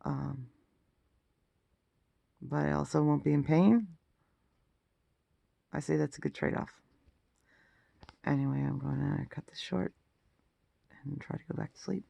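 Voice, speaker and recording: A man giving a casual personal health update, sounding exhausted and groggy, with a gravelly, croaky throat and a halting delivery that trails off. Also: a little high, mellow, no room sound. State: throat rough after intubation. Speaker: vlogger.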